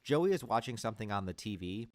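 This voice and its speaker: A man's voice: fairly low pitch, big pitch swings, quick pace, darkish tone, dry recording. A man giving a casual film critique, with sarcastic, exasperated commentary. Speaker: film reviewer.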